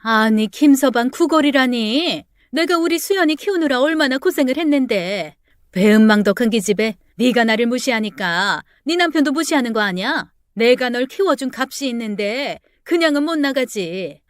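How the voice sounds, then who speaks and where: Woman doing a shrill, grasping middle-aged mother. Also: animated, clean tone, dry recording, clean studio sound, close to an everyday voice. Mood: indignant. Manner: indignant, drawn-out whining outbursts.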